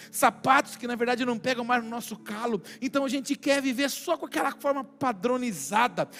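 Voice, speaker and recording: A man's voice: very high voice, a bit bright. A male pastor with a Brazilian Portuguese accent, preaching a sermon and telling stories with acted-out voices. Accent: Brazilian Portuguese, São Paulo interior. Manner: storytelling, acts out voices in anecdotes. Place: church hall. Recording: long church hall reverb.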